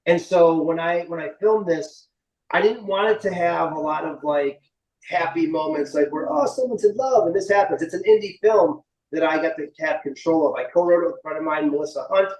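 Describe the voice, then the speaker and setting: A roomy, slightly distant recording of a man in his late forties. He chats informally and rambles a little, his voice a touch high, like an indie director being interviewed. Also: brisk, a little mellow. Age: late 40s. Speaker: interview guest, indie film writer and director. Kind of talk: casual interview chat.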